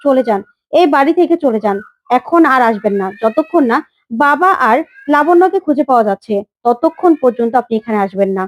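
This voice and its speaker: Lady reading out a defiant young woman snapping at elders, high voice, kinda dull lo-fi sound. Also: animated, a little fast, dry recording. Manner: sharp, scolding retorts.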